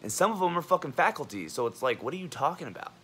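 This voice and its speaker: Profane, animated young man ranting. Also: fairly high pitch, fast talker, a little hiss or hum. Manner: profane, blunt, heated; animated, acts out others' lines. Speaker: college student and army veteran. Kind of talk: ranting vlog monologue.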